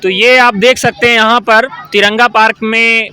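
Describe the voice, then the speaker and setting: Cheerful woman chatting with little kids outside in a park, kinda high bright voice, praising them a lot. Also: fairly even intonation, moderate pace, some chatter behind. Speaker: charity volunteer handing out books. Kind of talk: casual chat with small children. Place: outdoors in a city park.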